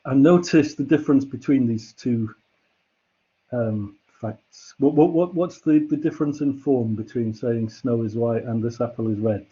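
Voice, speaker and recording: A man's voice: mid-range voice, moderate pace, dark tone, husky, lo-fi sound. A man giving a university lecture, explaining ideas patiently and step by step with examples. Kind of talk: classroom lecture.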